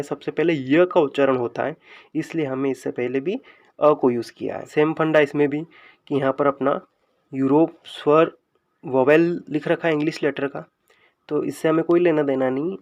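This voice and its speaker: A man teaching English grammar in speech, explaining slowly and drawing out example sentences word by word. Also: on the high side, a little mellow. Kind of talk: explaining a lesson.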